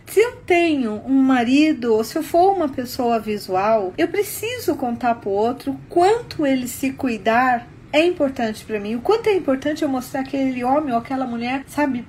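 Brazilian woman, high voice, lively storyteller coach, faint noise behind. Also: moderate pace, hardly any pauses. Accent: Brazilian Portuguese. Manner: animated, storytelling, rhetorical questions. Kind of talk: expressive talk.

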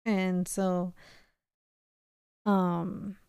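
A woman's voice: on the low side, little pitch movement, very slow, gravelly, a little mellow, clear, resonant tone, no room sound, clean studio sound. A young woman co-hosting a podcast, casually recounting a strange dream with lots of "like" and quoted dialogue. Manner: chatty, lots of "like" and acted-out quotes. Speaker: podcast co-host. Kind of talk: casual storytelling.

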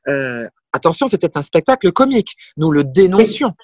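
A middle-aged woman who sings and performs comedy tells lively anecdotes as a guest in a casual interview, repeating things for emphasis. Her voice is low-pitched at a normal speed, recorded in studio quality with no echo.

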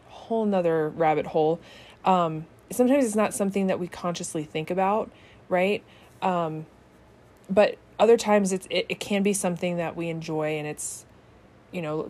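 A woman hosts a casual self-help talk in a slightly low, relaxed voice. She is chatty and laughs easily, tossing in "right?" as she goes. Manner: chatty, often asks "right?".

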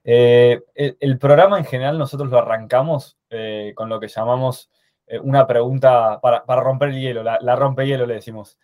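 A man's voice: medium pitch, fairly even intonation, normal speed, darkish tone. A man with an Argentine accent hosting a podcast interview, asking questions hesitantly with many restarts. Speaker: podcast host.

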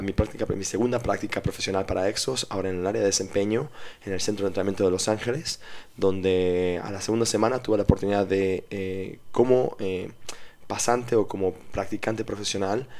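A man with a Mexican accent, a strength coach from Mexico City, telling his career story calmly with many fillers, recorded in a hotel room. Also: deep voice. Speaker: guest, strength and conditioning coach. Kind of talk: casual podcast interview. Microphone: portable recording kit.

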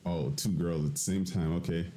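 A man's voice: low-pitched, steady tone, normal speed, mellow, slight background noise, poor audio. A young man casually hosting a video game let's play, hyped and joking with slangy talk.

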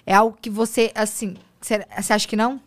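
A woman hosting a casual podcast chat, telling stories in a rapid, giggly way. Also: mid-range voice, fairly even intonation. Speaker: podcast host.

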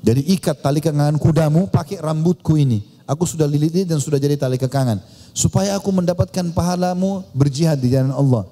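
A man voicing a grieving devout widow who pleads slowly and earnestly in a sermon story. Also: fairly high pitch, warm tone, lightly acted. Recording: long hall reverb.

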